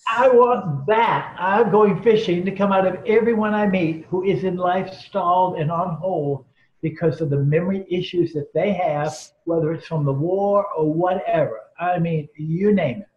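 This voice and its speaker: A man's voice: high-pitched, moderate pace. A man guest in an interview, telling earnest, emphatic stories and acting out the people in them. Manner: earnest, emphatic storyteller quoting others. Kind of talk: storytelling in an interview. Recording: roomy, dull lo-fi sound.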